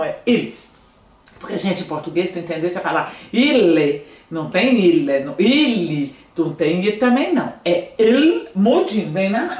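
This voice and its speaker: A woman's voice: medium pitch, roomy sound, recorded from a distance. A woman teaching an online language lesson, talking to her students and often checking that they follow. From Brazil. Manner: lively, asks students often. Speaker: French teacher. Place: room, in front of a screen.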